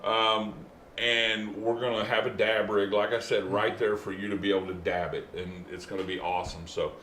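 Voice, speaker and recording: A man's voice: lowish voice, level tone, moderate pace, fairly bright tone. A man chatting casually as a show host, with a laid-back stoner way of talking full of slang and swearing. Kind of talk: casual chat. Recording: roomy echo, faint background noise.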